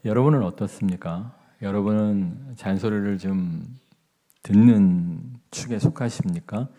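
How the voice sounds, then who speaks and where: A male pastor giving a sermon, telling personal stories and asking the congregation questions in a slow, deliberate way. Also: fairly low pitch, mellow.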